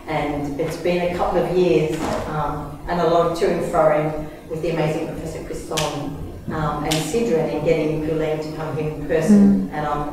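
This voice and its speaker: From far back in a large, echoey university lecture hall comes a middle-aged Australian woman's low voice over a lectern microphone, amid background noise. She casually introduces a guest speaker at the event, full of fillers and self-corrections.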